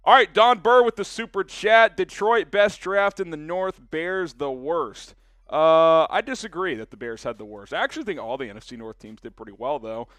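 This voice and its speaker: A man's voice: fairly high pitch, moderate pace, no echo. Chatty man hosting a live sports stream. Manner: energetic, chatty, many fillers. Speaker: sports show host. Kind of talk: live-stream sports talk, reading viewer chat.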